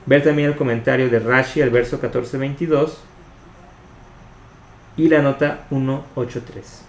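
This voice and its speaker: Man, mid pitch, measured explanatory reader of a study text, roomy echo. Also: fairly even intonation. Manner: measured, explanatory, spells out Hebrew terms. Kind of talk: reading a commentary aloud. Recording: echoey room with faint noise.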